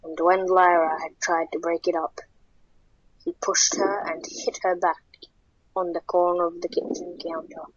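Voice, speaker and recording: A narrator reading a horror story aloud in a slow, even way. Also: medium pitch, slightly rough, no room sound. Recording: dull lo-fi with faint noise.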